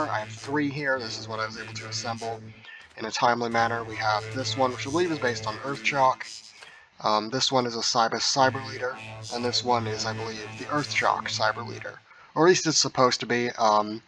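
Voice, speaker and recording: A man casually walking through a game mod update, rambling with frequent ums, heard through low-quality audio capture. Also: sharp tone. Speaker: mod review video host. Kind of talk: casual gameplay walkthrough.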